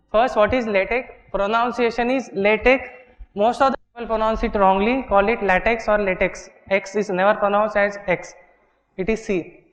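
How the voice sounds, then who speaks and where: A man with an Indian English accent teaching a workshop class in a lecture hall, explaining step by step and checking in with "okay" and "right". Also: high voice. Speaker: workshop instructor. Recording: dull, echoey lecture hall recording.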